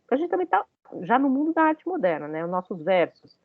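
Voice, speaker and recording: A woman's voice: a little high, very animated, quick pace, no echo. Woman, university lecturer, discursive with hesitant fillers, dry lo-fi video-call sound. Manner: discursive, many hesitant fillers, asks students questions.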